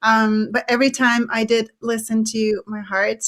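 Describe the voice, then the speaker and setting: A woman talks as a guest in a live interview. Her voice sits fairly high, and she sounds bubbly, laughing often and pausing on ums as she gathers her thoughts. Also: level tone, fairly bright tone. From Switzerland. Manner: bubbly, laughs often, uses many fillers. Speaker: author and guest.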